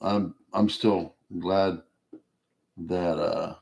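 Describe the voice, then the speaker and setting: A man with a low, gravelly voice hosts a live card-opening stream. He talks loosely with plenty of fillers, and his voice is worn thin after hours on air. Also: fairly even intonation, very slow, a little mellow. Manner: casual, rambling, many fillers. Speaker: card break host.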